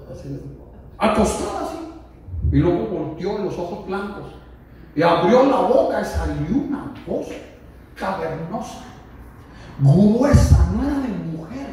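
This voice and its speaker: A man preaches to his congregation in a high, mellow voice that leaps up and down, joking and then shouting. The sound comes from far off in a very echoey church hall, with a faint room hum behind him. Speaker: pastor. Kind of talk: sermon.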